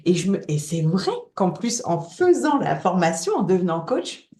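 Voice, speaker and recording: A woman's voice: on the low side, big pitch swings, moderate pace, dark tone, echoey room. A woman coach from northern France, chatting candidly as an interview guest and laughing easily. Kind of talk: casual interview chat.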